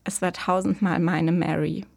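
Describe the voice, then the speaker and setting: A woman reading a story as a calm, measured audiobook narrator. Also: on the low side, gravelly, slightly rough. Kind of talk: scripted narration.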